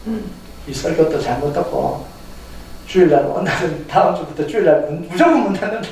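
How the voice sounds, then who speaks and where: In a very echoey church sanctuary, a male pastor with a high, animated voice delivers a brisk Sunday sermon. He addresses the congregation directly with rhetorical questions and chuckles through his points. The recording sounds distant, with slight background noise.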